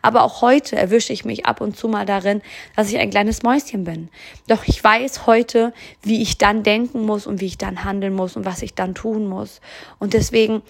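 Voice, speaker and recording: Earnest German woman with gravelly voice. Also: mid-range voice, fairly even intonation, moderate pace. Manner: earnest, encouraging, addresses the listener directly. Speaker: podcast host and coach. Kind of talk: motivational podcast monologue.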